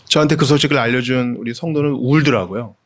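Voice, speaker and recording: Earnest male pastor preaching a sermon. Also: quick pace. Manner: earnest, conversational, speaks directly to the congregation; swings from hushed and low to raised, emphatic pleading.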